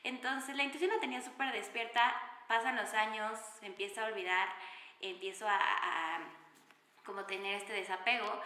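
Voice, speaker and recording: A young Mexican woman with a bright, clear voice talks through her personal story on her podcast, chatty and enthusiastic with plenty of fillers. Her voice rings in an echoey room with a long reverb tail. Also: medium pitch. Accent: Mexican Spanish. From Mexico City. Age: young adult. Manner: chatty, warm-hearted and enthusiastic, many fillers. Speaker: podcast host.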